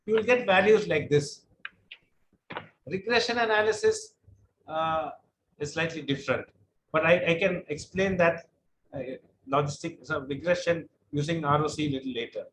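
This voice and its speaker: There are long pauses in this middle-aged man's online lecture, delivered at normal speed in a fairly bright, higher-than-average voice. He drones a little but answers questions patiently, explaining step by step and sometimes repeating points. The recording is rough, with a faint hiss or hum.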